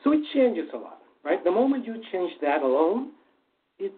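A man's voice: high-pitched, big pitch swings, normal speed. A man, a former stage hypnotist turned hypnotherapist, answering interview questions with many fillers and restarts. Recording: tinny phone-like line.

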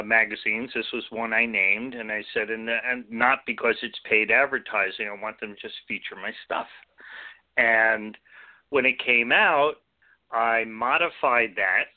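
Man calling in on speakerphone. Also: medium pitch. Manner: halting, frequent restarts. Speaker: caller. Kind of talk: casual call-in chat. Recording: tinny speakerphone call.

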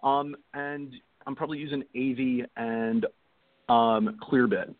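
A man on a phone line, a recruiter chatting casually as a guest in a quick, breezy, joking way. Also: mid-range voice, steady tone, dry recording. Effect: heard over a phone line. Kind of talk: casual call-in chat. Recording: tinny phone line, dry.

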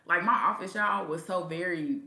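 A woman's voice: lowish voice, normal speed, vocal fry, sharp tone. A woman hosting a casual chat, candid and slangy as she tells stories. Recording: echoey room sound.

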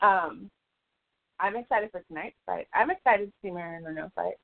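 On tinny, phone-like audio, a woman with a fairly low, gravelly voice speaks at a moderate pace. She co-hosts a casual fight-sports podcast, laughing often and chatting loosely with fillers and swearing.

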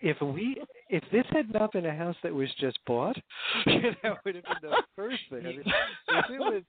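A man's voice: high voice, huge pitch swings, normal speed, crowd noise. Man on a crackly, static-filled phone line. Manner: hesitant, with many fillers and restarts. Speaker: guest. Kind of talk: phone-in radio interview.

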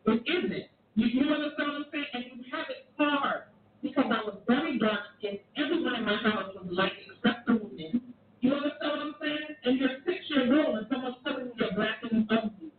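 A middle-aged woman with a strong Jamaican accent speaks in a high voice, telling personal stories with emphatic candor. She keeps checking that her listener follows. She comes over a tinny phone line, distant and echoey. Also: a little fast, slight background noise. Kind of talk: candid personal storytelling in conversation.

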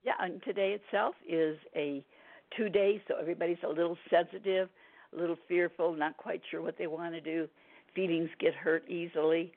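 A woman with a raspy, strained smoker's voice, giving a casual, folksy radio forecast as a numerologist. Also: lowish voice, steady tone, normal speed. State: strained, hoarse from throat trouble. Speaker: numerologist guest on a radio show. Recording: narrow phone-like line.

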